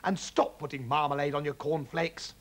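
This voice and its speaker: A man's voice: on the high side, steady tone, normal speed. A man voicing a firm, matter-of-fact farmer's wife.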